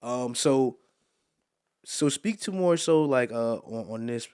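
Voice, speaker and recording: A man's voice: mid-range voice, expressive, takes it slowly, darkish tone, clear, resonant tone. A man interviewing in a casual, slangy, informal way.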